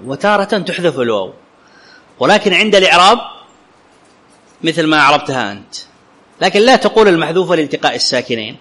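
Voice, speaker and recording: A man teaching an Arabic grammar lesson, often asking his students whether it is clear and reciting quotations slowly. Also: a little high, fairly bright tone. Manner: questions students often, checks understanding; clears his throat now and then.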